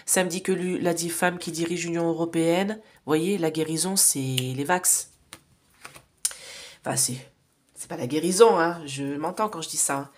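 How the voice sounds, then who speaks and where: Low nasal woman doing a rambly card reading, lots of "hein", faint noise in the back. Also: fairly even intonation, moderate pace. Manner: rambling, many fillers and tag questions, drops to whispers while drawing cards. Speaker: psychic card reader. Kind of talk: casual oracle card reading to viewers.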